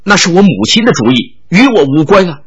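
A man's voice: high voice, very animated, a little fast, husky, dull audio, exaggerated voice. A male storyteller voicing a scheming middle-aged official who coaxes and pushes his estranged wife to come home. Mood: wheedling. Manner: coaxing, pushy pleading.

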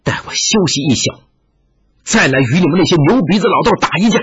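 A man's voice: fairly high pitch, wildly swooping pitch, a little slow, fairly bright tone, muffled recording, heavily acted. A man voicing a fierce wounded swordswoman who speaks with bitter, brooding intensity. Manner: bitter, brooding, torn between love and hate.

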